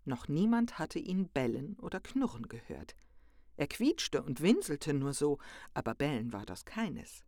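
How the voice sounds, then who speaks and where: A storyteller reading a children's tale aloud in a lively, expressive manner. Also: medium pitch, a little slow, dry recording, clean studio sound.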